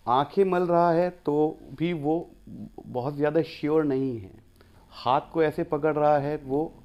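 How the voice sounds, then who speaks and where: A man's voice: on the high side, dull audio. A man teaching a lecture, explaining points one at a time and acting out short example phrases to show how tone changes meaning. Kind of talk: classroom lecture.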